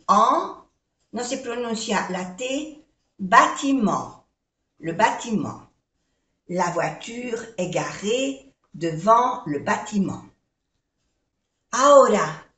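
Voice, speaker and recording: An older woman teaching a language lesson, patiently spelling out letters and repeating words slowly. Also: mid-range voice, a bit bright. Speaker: French teacher. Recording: echoey room.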